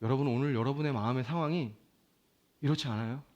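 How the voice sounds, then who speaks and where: A man preaching a Sunday sermon as pastor, swinging from loud pleading to quiet, confiding talk. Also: medium pitch, fast, dull audio.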